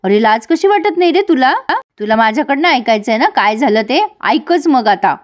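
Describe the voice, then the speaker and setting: A woman's voice: a little high, expressive, normal speed, natural voice. A woman reading the lines of a wronged young wife who demands a divorce, indignant and cutting.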